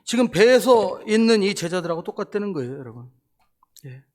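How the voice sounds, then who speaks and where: A middle-aged man delivers a sermon as a missionary pastor, and his voice sits a little higher than most men's. He sounds conversational and animated, often turning to the congregation with rhetorical questions. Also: brisk.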